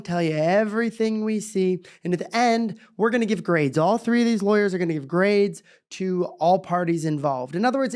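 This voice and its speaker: A woman's voice: medium pitch, darkish tone. A woman hosting a reaction show, giving casual commentary on a video. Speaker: host of a lawyer reaction show.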